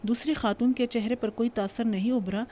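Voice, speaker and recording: A woman narrating a romance novel audiobook in an even, measured reading. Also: fairly high pitch, a little hiss or hum.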